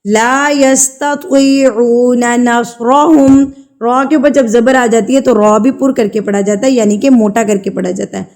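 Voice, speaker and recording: Woman slowly reciting and explaining tajweed. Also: fairly high pitch, steady tone, vocal fry, a little mellow. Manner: recites verses slowly and stretched, then explains rules briskly; patient instructional tone, repeats rule names. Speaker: Quran recitation teacher. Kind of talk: tajweed lesson, slow drawn-out recitation with quick explanations in between.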